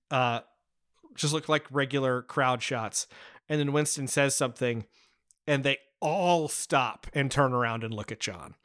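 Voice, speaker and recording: Bright-voiced man recapping a film scene. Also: medium pitch. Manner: recaps scenes eagerly, with many fillers and restarts. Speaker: podcast co-host discussing a film. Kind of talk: casual film review chat.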